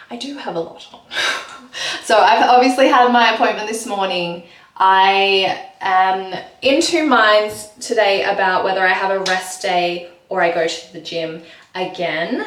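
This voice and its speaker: A woman's voice: mid-range voice, roomy sound, recorded from a distance. A woman in her thirties talks unhurriedly to the camera, filling her sentences with ums and likes. She is in her bathroom, and the sound bounces around the room. She sits a little back from the mic. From Australia. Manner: chatty, many ums and likes. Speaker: vlogger. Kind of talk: casual vlog chat. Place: home bathroom.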